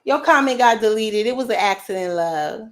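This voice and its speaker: Speaking briskly and animatedly in a mid-range voice, a female livestream host responds to comments from her chat. Her talk is casual yet confrontational, brash, and full of profanity.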